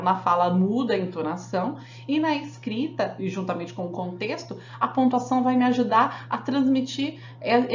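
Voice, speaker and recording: A woman teacher giving a grammar lesson, explaining step by step and often checking that the class follows. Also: fairly high pitch. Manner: explanatory, asks the class frequent check questions. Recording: echoey room, dull sound, faint hum.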